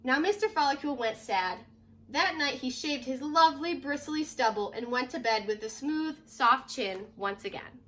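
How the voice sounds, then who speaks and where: A woman reads a children's storybook aloud like a teacher, expressively stressing key and repeated words and asking listeners questions. Her voice is high-pitched and her pace moderate.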